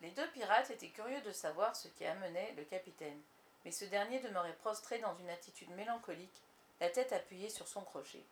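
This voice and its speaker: A woman's voice: mid-range voice, brisk. Woman reading a storybook aloud. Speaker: narrator. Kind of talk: storybook narration.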